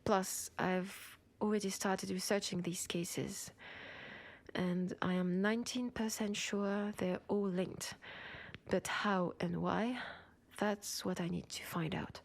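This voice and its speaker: In this intimate sci-fi roleplay, a woman with a French accent speaks one side of the dialogue as a protective, ambitious cyberpunk cop watching over her rookie partner. Her delivery is soft and breathy, medium in pitch, steady and slow, with a determined mood.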